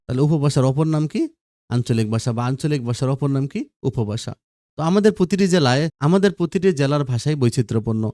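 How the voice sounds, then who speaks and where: A man's voice: mid-range voice, dark tone, no echo, clean studio sound. Man teaching, asking and answering himself. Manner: asks the class questions and answers them himself; explains slowly and repeats key points. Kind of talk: recorded video lesson.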